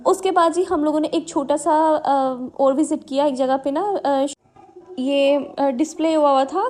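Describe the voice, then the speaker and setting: A woman's voice: high voice, a little mellow. A young woman, a mother, chatting through a casual vlog voice-over with lots of fillers and friendly asides to viewers. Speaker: family vlogger and mother.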